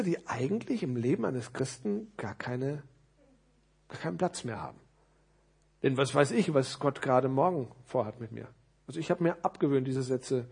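A man preaching a sermon, animated, who asks his listeners rhetorical questions. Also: medium pitch, vocal fry, husky.

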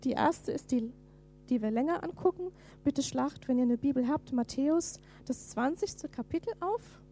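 A woman preaching a sermon, lively and dramatic as she reads scripture aloud, at times falling to a whisper. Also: high-pitched, moderate pace, soft background music.

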